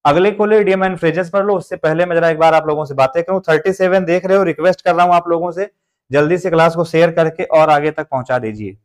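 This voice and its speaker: A man's voice: a little high, brisk. A man with an Indian accent teaching English grammar in a live online class, joking through memory tricks and reading out viewers' names. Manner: jokey mnemonic explanations, reads out viewer names; motivational.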